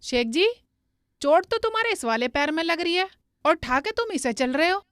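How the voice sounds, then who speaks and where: A woman's voice: extremely high pitch, sing-song, moderate pace, a bit bright, no echo, studio quality, exaggerated voice. A woman playing an exasperated young wife in a comedy film, scolding and impatient.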